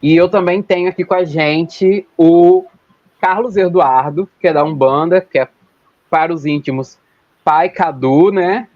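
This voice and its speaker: A man's voice: on the high side, a little slow, no room sound. A young man from Rio de state, hosting a podcast in a chatty, rambling way, often correcting himself. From Rio de Janeiro state, Brazil. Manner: chatty, rambling, with self-corrections and long lists. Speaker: podcast host. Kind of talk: casual podcast chat. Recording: dull lo-fi sound, dry.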